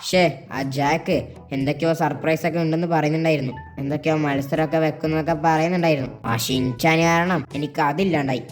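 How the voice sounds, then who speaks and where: A woman's voice: deep voice, fairly even intonation, fast, soft background music, pitched below the performer's own voice, lightly acted. A woman voicing a scheming rival boy who does magic in a game role-play, talking in a sly, plotting way.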